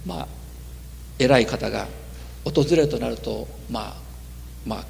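Gravelly-voiced man preaching in a reverberant hall. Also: a little hiss or hum. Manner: measured preaching, trailing off low at phrase ends. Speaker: pastor. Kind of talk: sermon.

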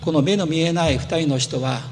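A man preaching a sermon as pastor, explaining earnestly and gently with rising emphasis, in a church sanctuary. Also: on the high side, moderate pace, a little hiss or hum. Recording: long hall reverb.

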